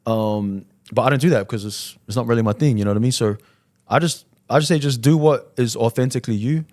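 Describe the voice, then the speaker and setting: A Fijian entrepreneur, appearing as a podcast guest, chats casually in slangy, informal speech packed with "man" and "you know". His voice is medium-pitched, fast and darkish, recorded at studio quality with no room sound.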